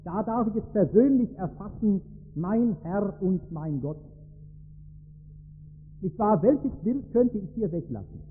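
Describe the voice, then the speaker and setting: A man's voice: sits high, expressive, a little slow, long pauses, breathy edge. Preacher man in an echoing hall. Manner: emphatic, storytelling preacher. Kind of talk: sermon. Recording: tinny phone-like sound in a reverberant hall.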